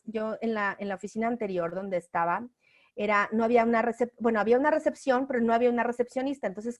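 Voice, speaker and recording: A woman, a recruitment expert giving job interview advice, lively and acting out little dialogues with both sides. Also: a little high. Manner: says she speaks loudly.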